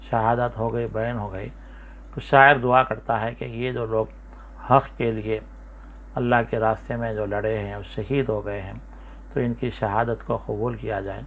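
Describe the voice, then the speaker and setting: Male lecturer, Hyderabadi Urdu accent, patient and repetitive, gravelly voice, thin phone-like sound. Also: medium pitch. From India. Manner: explains slowly, with many fillers and repetitions. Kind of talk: spoken lecture. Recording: tinny phone-like recording.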